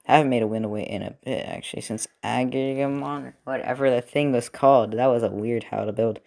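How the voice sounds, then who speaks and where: Working on a build, a young man who creates robot-building videos offers loose, rambling commentary full of fillers and self-corrections. His mid-range voice is steady and darkish, with vocal fry, and he talks fairly quickly over a TV football game in the background.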